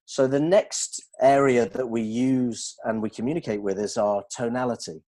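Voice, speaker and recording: A middle-aged man talking as a communication trainer, steady and explanatory. His voice sits at an ordinary middle pitch, and he keeps a teaching manner as he talks. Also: moderate pace. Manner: steady, explanatory, demonstrates tones of voice. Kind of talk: explanatory discussion.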